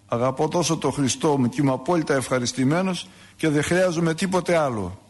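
A man voicing a male martyr deacon who calmly defies a king, in a plain, steadfast retelling. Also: on the high side, slightly rough. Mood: defiant.

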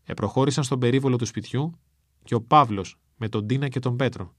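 A man narrating a written story in a measured, solemn reading. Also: mid-range voice, dry recording, studio quality.

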